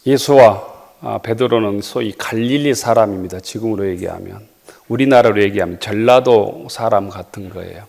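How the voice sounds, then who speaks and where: A man delivering a sermon as pastor, reading scripture verses in a measured way and pausing with small fillers. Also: on the low side, gravelly, a little mellow. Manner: frequent hesitation fillers.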